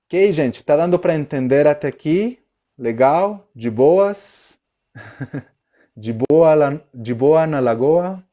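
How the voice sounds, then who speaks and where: Slow, mellow-voiced male teacher. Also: on the high side, lively intonation, lo-fi sound. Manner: chatty, checks in with viewers often. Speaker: Spanish teacher. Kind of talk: live online lesson.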